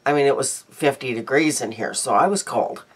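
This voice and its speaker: Her rumbling low voice is brisk and slightly rough, and she sounds congested. She's a beauty vlogger in her fifties, rambling casually with frequent ums about her day and makeup for a daily vlog. A close webcam records her in a small room at home.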